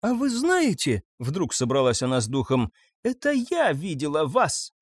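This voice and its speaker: A woman's voice: low voice, huge pitch swings, measured pace, husky, no echo, studio quality, pitched above the performer's own voice, heavily acted. A man voicing a frantic older mother, shrieking and tearful as she accuses a neighbour. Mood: accusing.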